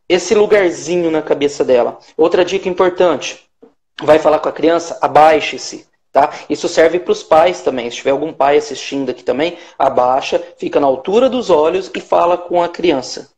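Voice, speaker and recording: A man's voice: on the high side, moderate pace, a little mellow. A Brazilian man, a hypnotherapist, explaining his methods emphatically in a live-stream interview. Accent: Brazilian Portuguese. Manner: explanatory, emphatic, acts out short quoted lines. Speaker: hypnotherapist guest.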